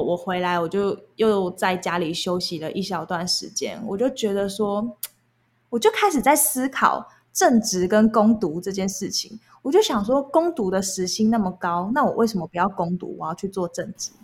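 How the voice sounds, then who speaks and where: A woman's voice: mid-range voice, animated, moderate pace, breathy edge, faint music behind. Young Taiwanese-accented woman, casual and candid. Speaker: guest recounting past jobs. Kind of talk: casual conversational storytelling.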